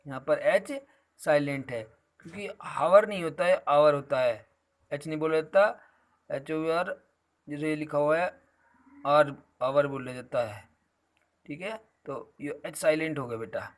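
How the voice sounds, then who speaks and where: A man's voice: on the high side, a little slow, pauses often. A man teaching a grammar lesson, explaining patiently and calling his students "beta" again and again.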